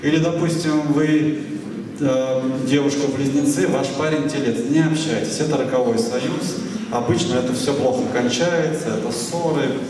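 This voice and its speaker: A man in his fifties, a writer answering audience questions at a library talk, musing and digressive, with pauses and fillers. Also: mid-range voice, darkish tone, slight background noise. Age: 50s. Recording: echoey hall, voice picked up from a distance.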